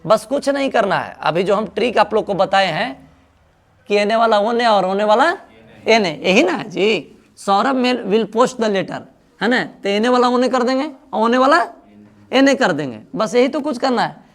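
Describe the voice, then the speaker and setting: A man's voice: high voice, animated, a little slow, fairly bright tone. A man from India with a Bihari Hindi accent, teaching an English grammar lesson in a classroom style, asking the class questions and then answering them himself.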